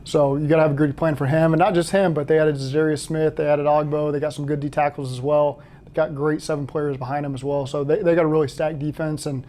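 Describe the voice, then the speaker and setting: A man speaks quickly in a dark, level voice, talking through game film like a head coach. He is matter-of-fact and steady, and he keeps a flat, even pitch from start to finish. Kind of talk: interview answers and film breakdown.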